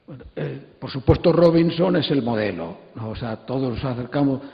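A Spanish man in his sixties with a Castilian accent gives an animated, informal lecture as a panelist on an auditorium stage, using a handheld microphone. His medium-pitched, expressive voice carries vocal fry at a moderate pace as he explains emphatically, digresses and repeats phrases. The hall PA sounds echoey and dull.

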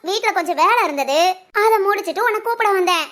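A woman's voice: very high voice, expressive, fast talker, a bit bright. A woman voicing a chatty, teasing village neighbor woman in a cartoon, speaking.

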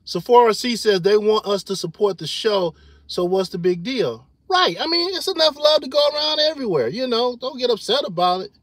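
A middle-aged man, talking loosely to his livestream audience with a high voice. He gets loud and animated and laughs often. The sound is dry and close. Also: fairly quick, no echo. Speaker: livestream host. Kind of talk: casual livestream chat.

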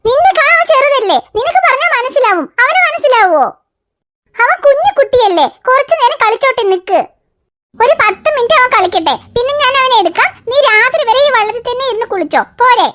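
A woman voicing a very high-pitched cartoon mom. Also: lively intonation, fast, slight background noise. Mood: scolding. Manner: coaxing and sing-song with the baby, sharp with the older child. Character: young mother, patient but quick to scold. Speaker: cartoon mother. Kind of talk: home-made cartoon voice acting.

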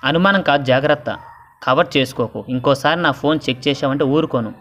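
A man voicing an anxious, scolding middle-aged mother in an audio story, pitching his voice up. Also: quick pace, fairly bright tone, close to an everyday voice.

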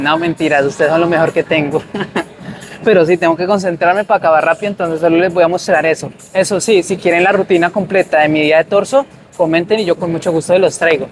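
His voice a little high with a bit of hiss or hum, a young adult man vlogs casually to camera about fitness. Upbeat and relaxed, he talks between sets in a big indoor gym, then along a shopping mall walkway.

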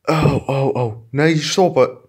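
Man voicing two clumsy neighbor guys, bickering, crude insults, slow drawn-out talk, mid pitch. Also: slightly rough. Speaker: fan dubber. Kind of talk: improvised comic fan dub.

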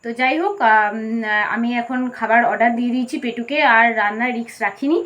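A woman vlogger talks casually to her viewers in a fairly high voice. She moves along quickly and explains things at length. A cold has left her hoarse. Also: fairly bright tone, muffled recording. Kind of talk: casual chatty vlog narration to viewers.

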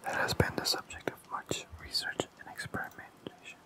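Soft unvoiced ASMR whisperer. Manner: fully unvoiced soft whisper, slow and soothing. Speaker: ASMR host.

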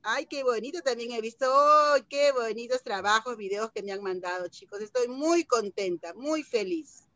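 A woman teaching young children an online lesson, sounding out syllables in a slow sing-song way, heard through a computer mic on a video call. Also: fairly high pitch, sharp tone, no room sound, muffled recording.

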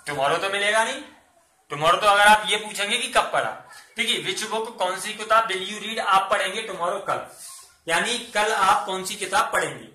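A man with a high, very bright voice teaches a grammar lesson and walks through each step by asking and answering his own questions. The room around him is echoey. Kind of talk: Hindi-English classroom lesson.

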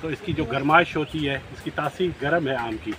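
A middle-aged man talks in an easy, chatty vlog manner, pausing to eat and sip as he explains. His voice sits somewhat high for a man. He is recorded outdoors in a rural orchard on a close camera mic, with steady outdoor noise around him. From Pakistan. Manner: relaxed and explanatory, eating and sipping while talking. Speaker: vlogger host. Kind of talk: casual chatty farm vlog.

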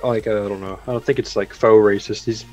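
A man's voice: on the low side, steady tone, fairly quick, a little mellow, soft background music. A man chatting casually as a guest on a gaming stream, rambling with lots of fillers and laughing often. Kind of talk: casual chat.

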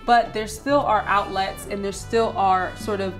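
A woman in her thirties, a research scientist from Philadelphia, USA, reflects on family and food in a documentary interview. Her voice is medium-pitched and steady, at a measured pace, with soft music in the background.

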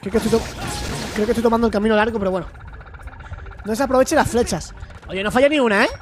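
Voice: medium pitch, slight background noise. Swearing streamer from Spain. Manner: swears freely, exclaims at the game. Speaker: gaming streamer. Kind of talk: casual let's-play chat with chat replies.

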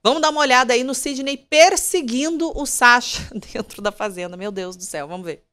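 A woman's voice: a little high, fairly quick, a bit bright. A woman hosting a podcast, chatting directly to viewers about a reality show. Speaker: podcast host. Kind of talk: casual commentary.

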